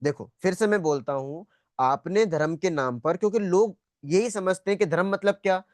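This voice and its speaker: On a video call, a high-voiced man gives an interactive spiritual lecture at a moderate pace, his tone darkish. He chats, restates his points, and regularly quizzes students to check comprehension. The recording is dry, with minimal room reflection.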